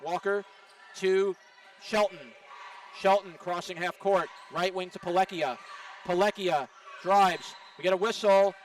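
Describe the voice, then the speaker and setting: A man calling a college women's basketball game play by play, with rapid, excited calls of each play. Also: high voice, smooth. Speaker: play-by-play announcer. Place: college gym. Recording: distant mic with faint gym noise.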